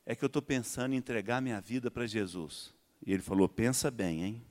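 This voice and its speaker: A man with a Brazilian Portuguese accent giving a church testimony, telling his story in a lively way and acting out the dialogue. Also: medium pitch, quick pace, slight background noise. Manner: animated storytelling, acts out dialogue. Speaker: testimony speaker. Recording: echoey hall reverb.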